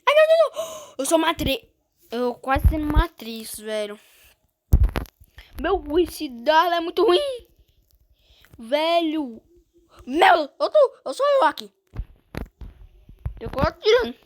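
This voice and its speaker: Brazilian woman gamer, high and lively voice, jumpy play-by-play with panicked outbursts. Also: takes it slowly, long pauses, a little hiss or hum. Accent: Brazilian Portuguese. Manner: excitable, frequent panicked exclamations. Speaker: gamer streamer. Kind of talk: gameplay commentary.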